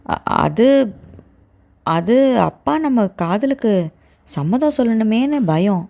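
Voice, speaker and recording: A woman's voice: on the high side, expressive, slow pace, gravelly, darkish tone, exaggerated voice. A woman voicing an anxious young woman in love, who talks in a hesitant, pleading way.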